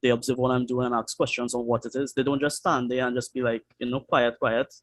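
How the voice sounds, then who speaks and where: A man's voice: medium pitch, little pitch movement, fairly quick, a bit bright, dry recording. Chatty Trinidadian man, dry close sound. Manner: casual, chatty, repeats himself. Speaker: panelist. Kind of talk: online panel discussion.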